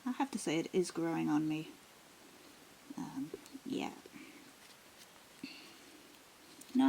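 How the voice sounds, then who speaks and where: Woman art vlogger, casual and rambling, soft half-whispered asides, fry-heavy voice over a noisy home recording. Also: lowish voice. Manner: rambling, many ums and restarts; often drops to a half-whisper. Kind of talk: casual sketchbook tour. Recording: steady background noise.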